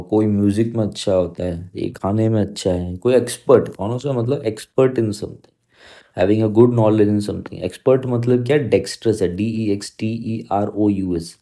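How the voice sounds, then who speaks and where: A man's voice: fairly low pitch, warm tone. A man teaching an exam-prep English vocabulary lesson, explaining in Hindi mixed with English, spelling words out letter by letter and often checking understanding. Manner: emphatic, repeats "theek hai" to check understanding.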